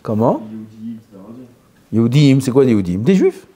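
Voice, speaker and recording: Man, religious teacher, lively pitch, dark mellow tone, quizzes listeners. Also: normal speed. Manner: animated, asks questions and drills pronunciation. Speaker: rabbi teaching. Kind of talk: lively Torah lesson.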